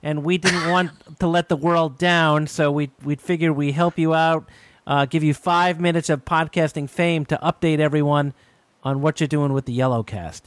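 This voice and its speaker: A man's voice: a little high, fairly even intonation, moderate pace. A man hosting a casual podcast chat, with his voice run through a morphing voice changer and speaking in a playful, teasing way. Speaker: podcast host. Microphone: headphones and computer mic.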